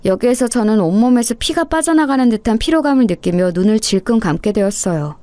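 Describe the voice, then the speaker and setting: Woman telling her own story, slightly high. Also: expressive, fast, warm tone, dry recording. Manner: confiding, aggrieved first-person telling. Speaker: storyteller narrating as a daughter-in-law. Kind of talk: scripted story narration.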